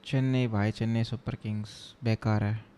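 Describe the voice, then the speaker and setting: A man's voice: fairly low pitch, level tone, moderate pace, warm tone, slight background noise. A young man from Chennai chatting casually on a coding live stream, joking with viewers and mixing Hindi with English tech terms. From Chennai, India. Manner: chatty and joking, reading viewer chat aloud and answering it.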